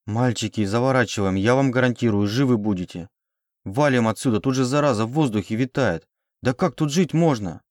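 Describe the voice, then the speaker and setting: A man voicing a sharp-tongued captive young woman. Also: mid-range voice, brisk, no room sound, clean studio sound, lightly acted. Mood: pleading. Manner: pleading and sarcastic.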